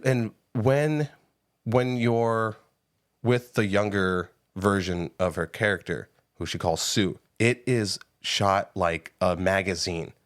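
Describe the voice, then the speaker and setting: A man co-hosting a podcast, giving a casual, animated movie review with frequent swearing and laughter, close on the mic. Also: low-pitched, no room sound. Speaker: podcast co-host. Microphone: close studio mic.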